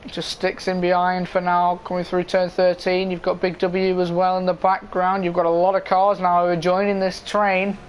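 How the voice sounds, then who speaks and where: A man's voice: high-pitched, completely flat delivery, normal speed, hardly any pauses, a little hiss or hum. A man giving informal live motorsport commentary on an online racing game.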